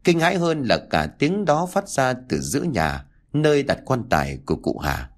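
A man narrating a horror story in a dramatic, expressive way. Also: mid-range voice, moderate pace.

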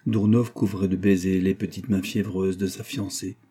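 Male audiobook narrator, very dark, husky tone, expressive literary reading. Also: deep voice, moderate pace. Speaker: audiobook reader. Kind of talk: scripted narration.

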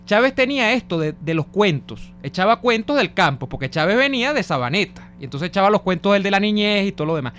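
A man's voice: high-pitched, fairly bright tone. A man with a Venezuelan accent co-hosting a radio show, reading listener messages and musing on politics. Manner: musing, discursive political commentary. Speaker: radio co-host.

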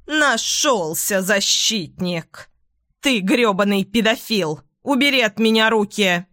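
A woman voicing a furious middle-aged mother in an audiobook, shouting scornful accusations. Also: medium pitch, expressive, takes it slowly, no room sound, clean studio sound. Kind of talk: audiobook character voice.

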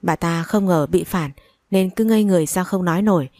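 A woman narrating a first-person family drama story in a steady reading voice. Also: on the low side, brisk, no echo, studio quality.

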